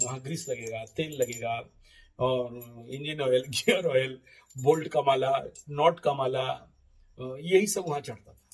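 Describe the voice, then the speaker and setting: Husky male astrologer telling lively stories. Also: fairly high pitch, poor audio. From eastern India. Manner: animated storyteller, laughs often, shifts loud and soft. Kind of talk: casual spoken monologue.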